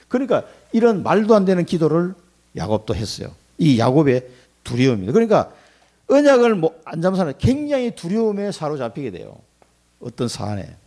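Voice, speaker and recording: A man preaching a Sunday sermon in a church, talking in an everyday way rather than reading. His voice sits a little high and leaps around widely in pitch, and he acts out quoted voices and chuckles between points. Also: creaky. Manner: animated, colloquial preaching with acted-out quotes and chuckles. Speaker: pastor. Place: church sanctuary.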